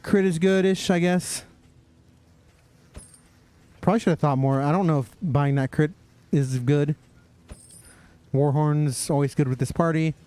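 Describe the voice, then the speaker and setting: A man's voice: fairly high pitch, fairly even intonation, a little slow, long pauses, dark tone, smooth. A young man giving casual, sarcastic commentary while playing a game. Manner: sarcastic, mocking, talks to himself. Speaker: streamer.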